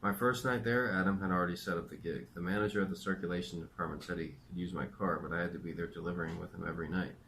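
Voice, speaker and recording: A man's voice: deep voice, fairly even intonation, racing, few pauses, fairly bright tone, slight background noise. A man reading his own memoir aloud, telling it in a dry, matter-of-fact way.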